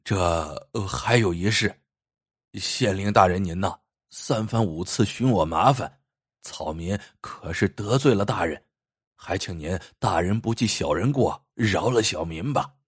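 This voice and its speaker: A man voicing a calm, crafty commoner who teases an official in a mock-polite, unhurried way, with a husky voice. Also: medium pitch, no room sound, clean studio sound. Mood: sly, calm. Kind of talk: storybook reading.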